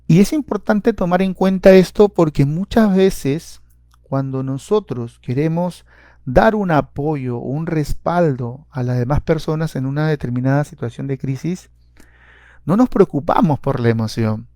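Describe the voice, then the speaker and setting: A man's voice: fairly high pitch, unhurried, dark tone, dry recording, clean studio sound. A man, a psychologist giving a seminar lecture, explaining step by step with frequent "eh" fillers and repeated words. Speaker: clinical psychologist and seminar speaker.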